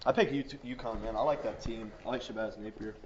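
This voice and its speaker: A man's voice: on the low side, fairly even intonation, fast, darkish tone, slight background noise. A young man co-hosting a student show, chatting casually in a laid-back, easygoing way. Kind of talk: casual chat. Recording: dull lo-fi sound with a crowd behind.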